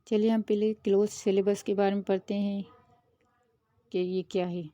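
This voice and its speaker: Woman teaching in a mellow voice. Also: mid-range voice, normal speed, no echo, highs cut off. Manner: steady explanatory, mixing English terms into Hindi. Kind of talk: explaining a lesson.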